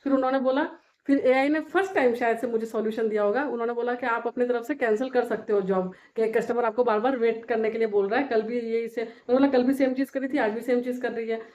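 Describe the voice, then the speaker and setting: A woman's voice: fairly high pitch, fast, dull audio. A young woman, venting animatedly in a casual daily vlog. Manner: animated, exasperated ranting. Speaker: vlogger, home beauty service worker. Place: Jaipur.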